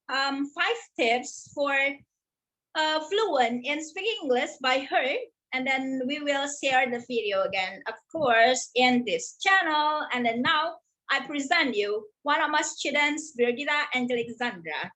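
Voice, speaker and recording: A woman English teacher with an Indonesian accent, introducing a lesson in a halting way with many fillers. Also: sits high, animated, fairly bright tone, low-quality recording.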